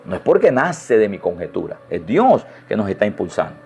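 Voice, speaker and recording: Animated preaching pastor, man. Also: lowish voice, fairly quick, creaky, soft background music. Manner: animated preaching, exclamations and rhetorical questions. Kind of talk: sermon.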